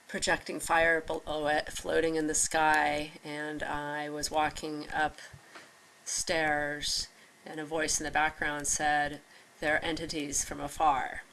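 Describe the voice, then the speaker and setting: A congested woman with a raspy voice recounts her experiences in a hesitant monologue full of pauses and fillers. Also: low-pitched, a bit bright, slight background noise. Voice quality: raspier than usual. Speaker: vlogger recounting personal experiences. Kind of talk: halting personal monologue.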